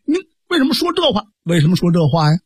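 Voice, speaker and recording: A man voicing a blunt, hot-headed middle-aged warrior who talks in a gruff, teasing and stubborn way. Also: high-pitched, very animated, quick pace, no room sound, clean studio sound, exaggerated voice. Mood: gruff needling.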